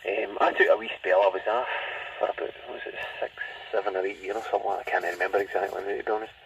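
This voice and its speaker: A CB radio operator with a Glasgow-area Scottish accent rambles casually over the air, his fairly low, gravelly voice racing along in a level tone. He's heard through a car's CB speaker, so the sound is muffled, distant and noisy.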